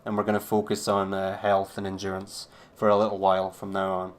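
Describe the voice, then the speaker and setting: A man's voice: low-pitched, monotone, brisk. A man streaming a game, giving laid-back, chatty commentary with a wry edge. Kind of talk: casual gameplay commentary.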